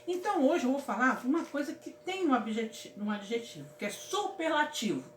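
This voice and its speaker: A Brazilian woman teaches a casual grammar lesson in a high, very animated voice at a fairly quick pace. She affectionately calls her students "my loves," checking in often with a repeated "certo, meus amores?" The recording has an echoey room with faint ambience and a little hiss or hum.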